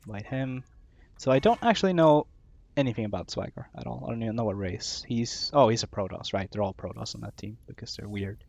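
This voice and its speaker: With a fairly low, darkish voice edged with vocal fry, a man casts a game stream a little fast, musing aloud, laughing a lot and trailing off as he figures things out. The off-camera headset or desk mic yields dull lo-fi audio.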